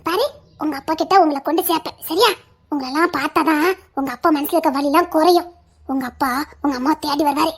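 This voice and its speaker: A woman playing a very high-voiced, coaxing young sister-in-law. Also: fast talker, lightly acted. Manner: soft, coaxing, affectionate. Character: caring, playful young sister-in-law, soothing and teasing. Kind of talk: audio drama acting.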